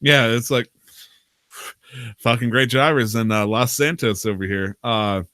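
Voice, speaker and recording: A man's voice: mid-range voice, measured pace, a bit bright, dry recording, studio quality. A man hosting a podcast, casually telling a long, profane, rambling story about his roleplay game character, laughing often. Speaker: podcast host.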